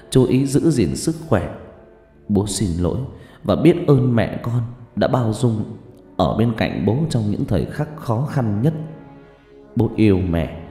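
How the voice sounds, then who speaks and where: A man voicing a gentle dying father who reads out his farewell letter in a soft, sorrowful way, with faint music behind. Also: fairly low pitch. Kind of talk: letter read aloud in a ghost story. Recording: echoey reverb with faint music.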